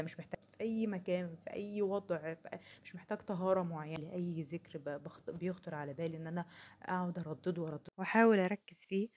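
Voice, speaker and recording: A woman's voice: on the low side, darkish tone. A young woman with an Egyptian Arabic accent, chatting casually and reflectively while she crochets, often restarting her sentences. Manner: rambling, self-correcting, reflective. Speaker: vlogger.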